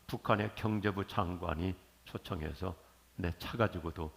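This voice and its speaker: An older man preaching a sermon in a church, lively and jokey with sudden loud bursts. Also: sits low, a little slow, vocal fry. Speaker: pastor. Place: church sanctuary.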